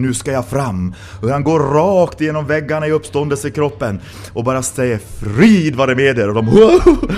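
A man's voice: medium pitch, darkish tone. A man from Sweden preaching a sermon in a church, with impassioned rhetorical questions that rise to exclamations.

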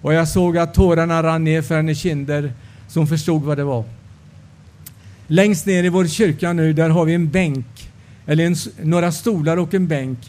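A man's voice: a little high, darkish tone. A male preacher giving a sermon testimony, telling the story and acting out the dialogue.

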